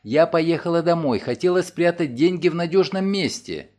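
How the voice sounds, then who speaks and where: A man's voice: on the high side, expressive, moderate pace, a little mellow, lightly acted. A man voicing an anxious young woman who was robbed, speaking in a raised, breathless and pleading way in an audiobook. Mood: agitated.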